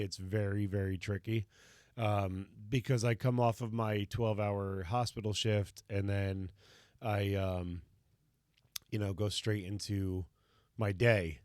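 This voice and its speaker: A man in his thirties, a streamer and parent, chatting casually with a slightly hoarse, tired voice, rambling and reflective with many fillers. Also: on the low side, steady tone, measured pace, a little mellow, no echo, clean studio sound. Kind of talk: casual live-stream chat.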